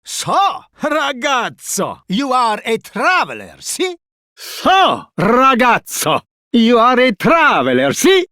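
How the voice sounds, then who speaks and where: Flamboyant character, wildly lilting. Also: male voice, extremely high pitch, huge pitch swings, takes it slowly, bright, forceful tone, no echo, clean studio sound, heavily acted. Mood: theatrical. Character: flamboyant Italian-flavoured character addressing a traveler.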